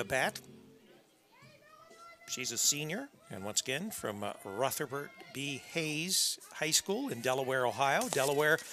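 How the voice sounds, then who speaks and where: A man giving conversational, unscripted play-by-play softball commentary with folksy asides. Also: on the high side. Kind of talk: unscripted live sports commentary. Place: press box at a college softball field.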